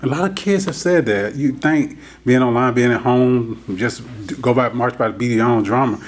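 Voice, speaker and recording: A man's voice: medium pitch, normal speed. Man interviewing students. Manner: friendly, uses y'all, chuckles between questions. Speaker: newspaper editor interviewing students. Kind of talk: casual interview.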